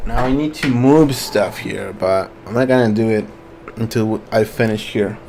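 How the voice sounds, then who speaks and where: With slight background noise, a mid-range-voiced man hosts a casual live webinar, reading viewer questions aloud. He answers them loosely, using many fillers.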